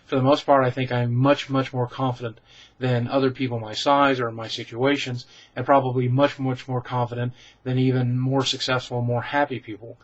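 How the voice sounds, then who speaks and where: A man answers his viewers' questions from a room at home, facing the webcam and rambling casually with candid, self-deprecating humor, frequent ums and restarts. He keeps a level tone at a moderate pace, and his ordinary mid-range voice sounds slightly dull and lo-fi.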